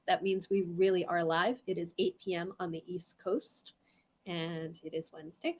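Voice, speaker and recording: The lo-fi audio carries a middle-aged woman's medium-pitched, slightly mellow voice as she hosts a live online gem show. Chatty and rambling, she greets viewers by name in casual live-stream talk, congested and coughing from allergies.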